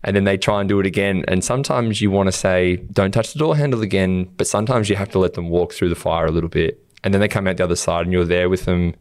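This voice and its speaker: An Australian man co-hosts a casual motivational chat in a deep, steady voice that barely rises or falls. His tone is smooth and clean, recorded close and dry with no room sound. He talks earnestly and slips into quoted lines of his own. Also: fast, hardly any pauses, no echo. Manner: earnest, acts out quotes of himself. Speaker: podcast co-host.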